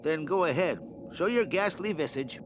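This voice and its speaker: A jumpy, grumpy gravedigger from a comic adventure game, acted by a man. His voice is a little high and highly animated, scolding and querulous, full of stubborn disbelief. Faint noise sits behind him. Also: moderate pace, natural voice. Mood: dismissive. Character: jumpy, grumpy, stubborn gravedigger who loves horror novels.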